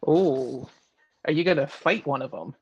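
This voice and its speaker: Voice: mid-range voice, unhurried, slightly rough, no echo, highs cut off. A game master narrating a tabletop role-playing game in a casual, conversational storytelling manner.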